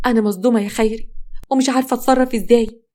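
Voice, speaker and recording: Woman doing worried egyptian neighbor lady, quick and uneasy. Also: fairly high pitch, fairly even intonation, a little mellow, close to an everyday voice. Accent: Egyptian Arabic. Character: troubled neighbor woman, conscience-stricken.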